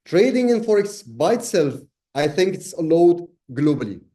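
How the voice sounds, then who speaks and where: Brief: man, from Egypt, webinar host, easygoing and halting, somewhat high voice, mellow tone. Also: sing-song. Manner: casual, many fillers, friendly "man". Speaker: trading webinar presenter. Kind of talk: live webinar Q&A.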